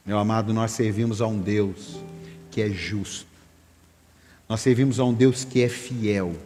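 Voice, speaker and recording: A man's voice: on the low side, fairly even intonation, unhurried, dark tone, soft background music. A man with a Brazilian Portuguese accent preaching a sermon as pastor, emphatic and questioning his congregation. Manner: emphatic, acts out quoted voices, asks the congregation questions. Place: church hall. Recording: long hall reverb.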